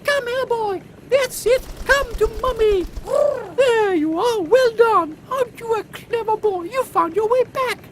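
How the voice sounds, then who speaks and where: A woman's voice: extremely high pitch, lively intonation, unhurried. A woman playing an imperious, eccentric elderly British queen with an upper-class accent in a comic audio drama, pompous and exclamatory. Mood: doting. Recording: faint background noise.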